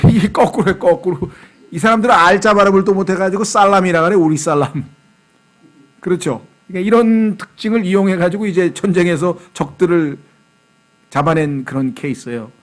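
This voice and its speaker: A man's voice: high voice, a little fast. A man who is a pastor, preaching an expository Bible sermon in a conversational, joking way and mimicking accents. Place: church.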